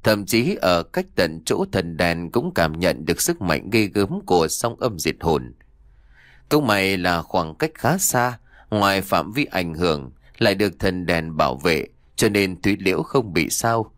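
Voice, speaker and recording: A man narrating a fiction audiobook in an expressive storytelling manner. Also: low voice, measured pace, no echo, clean studio sound.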